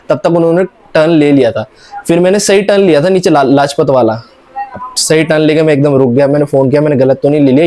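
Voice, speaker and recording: A man's voice: on the high side, dark tone. A young man from India telling a rambling, casual vlog story with many restarts. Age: young adult. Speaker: vlogger.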